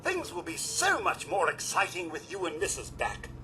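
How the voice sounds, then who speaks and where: A man's voice: sits high, huge pitch swings, moderate pace, music in the background, exaggerated voice. An actor voicing a polite, fussy male robot butler in a video game, formal and courteous and always calling the listener sir. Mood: cheerful. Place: game soundtrack with music behind.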